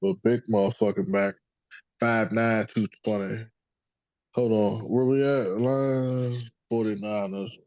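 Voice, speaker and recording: A man's voice: fairly low pitch, fairly even intonation, takes it slowly, a little mellow, no room sound. Man, casual sports talk host, rambling and profane, dry muffled call audio. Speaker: podcast host.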